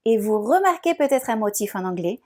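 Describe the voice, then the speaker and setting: A woman narrating a scripted language lesson as a pronunciation teacher, speaking clearly and deliberately and slowing down to model words. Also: on the high side, very animated, dark tone.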